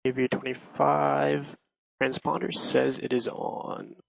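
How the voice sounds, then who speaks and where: A man with a gravelly, creaky voice speaking as a pilot in air traffic control radio calls. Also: medium pitch, flat delivery, a little slow, no echo, dull audio.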